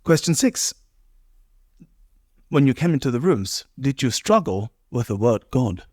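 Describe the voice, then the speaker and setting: Guy hosting a podcast, calm and reflective, tosses in "isn't it", dry sound. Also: medium pitch, a little slow, dry recording. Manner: thoughtful, asks tag questions. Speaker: podcast host. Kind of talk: reflective interview talk.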